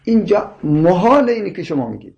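High creaky-voiced man debating. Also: big pitch swings, darkish tone, muffled recording. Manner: insistent, explains with repeated examples. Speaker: scholar explaining linguistics and Quran readings. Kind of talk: scholarly debate.

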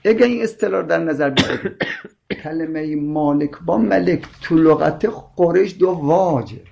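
A man's voice: on the high side, vocal fry, a little mellow, highs cut off. A man in a scholarly debate, insistently explaining his point with repeated examples. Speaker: scholar explaining linguistics and Quran readings.

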